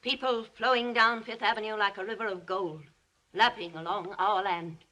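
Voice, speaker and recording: An actress playing a domineering, coldly scheming wealthy older sister in a 1930s film melodrama, with an imperious, clipped, insinuating manner. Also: female voice, medium pitch, steady tone, moderate pace, sharp tone, close to an everyday voice, rough recording. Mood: haughty, insistent.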